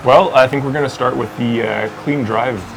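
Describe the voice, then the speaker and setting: A man's voice: medium pitch, fairly even intonation, normal speed, a crowd in the background, low-quality recording. A man guesting on a game stream, giving dry, matter-of-fact tips with some teasing. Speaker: guest player and game expert. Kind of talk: casual livestream chat. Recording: background hum and noise.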